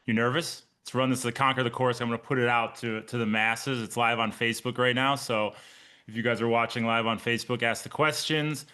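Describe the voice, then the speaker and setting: A man's voice: medium pitch, steady tone, a little fast, sharp tone, clear, resonant tone. A man in his forties, a triathlon coach and podcast host, chatting casually and upbeat on a live video call with his team. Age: 40s. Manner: upbeat, chatty, addresses listeners by name.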